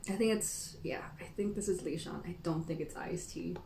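A woman's voice: on the low side, moderate pace, gravelly, mellow. A young woman thinking aloud in a casual live stream, weighing tasting notes like a sommelier. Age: young adult. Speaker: tea taster, live stream host. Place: small indoor room at a table. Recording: echoey room with some background noise.

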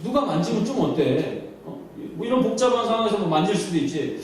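A man's voice: sits high, expressive, a little fast, slight background noise. A man voicing puzzled disciples who grumble casually about the crowd. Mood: wry. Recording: echoey hall from far off.

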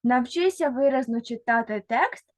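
A woman teacher giving a recorded reading lesson to first graders. She speaks slowly and carefully, sounding out words one by one, and talks straight to a single child, pausing for answers. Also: fairly high pitch, expressive, dry recording. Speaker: primary school teacher.

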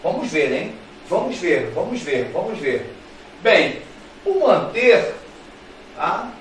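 A man with a Brazilian Portuguese accent teaches a grammar lesson, speaking straight to his students in a playful, repetitive way. His voice is high-pitched and slow, with big pitch swings. He is far from the mic in a very echoey room, with a little hiss or hum.

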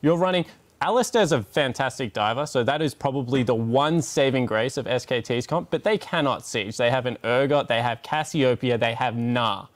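A man's voice: medium pitch, moderate pace. A man on an esports analyst desk breaking down a loss, critical and blunt about who was at fault.

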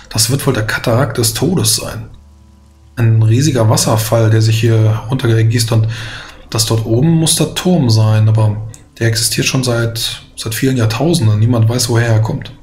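A man's voice: mid-range voice, moderate pace, a little mellow. A man narrating a tabletop role-playing game as game master, in a descriptive, explanatory way.

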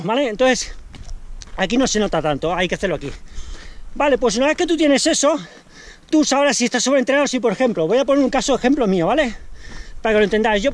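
A man from Spain, a trail running coach, explaining things step by step in a casual, colloquial way and often checking in with his listeners. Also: very high voice. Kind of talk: casual instructional talk to camera.

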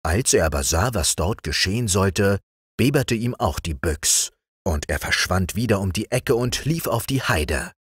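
Man reading a bedtime fairy tale, slow, lively pitch, dry close sound. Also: breathy edge, dry recording. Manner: slow, animated storytelling. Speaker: audiobook reader.

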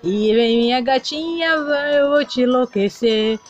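Woman acting as a male doll singer, melodramatic, sing-song, slow drawl, dull lo-fi sound. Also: high voice, faint music behind. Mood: showy singing. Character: heartbroken male doll singer, showy bandleader. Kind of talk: toy doll play-acting.

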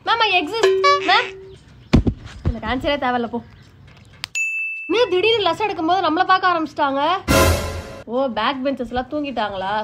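A young woman acting out different types of schoolgirls in a comedy sketch, pleading, bossy and sarcastic by turns. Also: high-pitched.

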